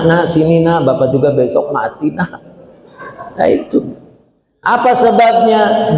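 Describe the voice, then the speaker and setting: A man preaches in a lively storytelling manner, speaking straight to the men and women in front of him. His voice sits a little high for a man. The sound rings with a long hall echo. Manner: lively storytelling, addresses listeners as Bapak and Ibu. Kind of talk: sermon. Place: mosque or hall gathering.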